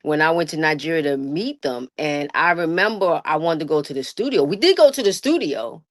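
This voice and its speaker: A woman's voice: deep voice, a little fast, no room sound, clean studio sound. A middle-aged woman with a New York accent, a guest artist telling stories in a casual interview, laughing often and using slang. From Brooklyn, New York. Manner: laughs often, animated storytelling with slangy talk.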